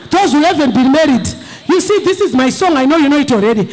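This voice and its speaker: A woman pastor preaching an impassioned sermon, shouting exhortations and putting questions to her congregation. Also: extremely high pitch.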